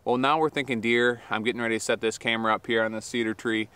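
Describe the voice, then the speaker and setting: A young man in snowy woods giving a relaxed, practical explanation on camera, with frequent fillers. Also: mid-range voice, quick pace, clear, resonant tone. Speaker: outdoor show presenter.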